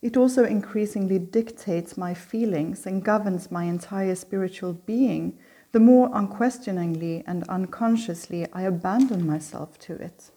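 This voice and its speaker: A prepared opening lecture comes from the middle-aged Swedish host of a lecture series, read with measured reflection. Her voice sits at a medium pitch, dark in tone with a breathy edge.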